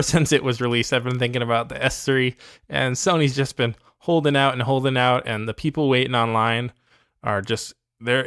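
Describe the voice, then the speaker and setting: A man co-hosting a casual podcast, teasing his partner with deadpan jokes. His voice is smooth and clear, mid-pitched, and recorded dry and close. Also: no room sound. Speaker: podcast co-host. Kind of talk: casual chat.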